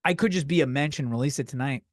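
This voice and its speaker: A man's voice: medium pitch, quick pace, no echo. Guy in his 30s ranting solo, swears a lot, rambly, dry close sound. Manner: rambling, profane, self-deprecating. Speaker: podcast host. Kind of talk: solo comedy rant.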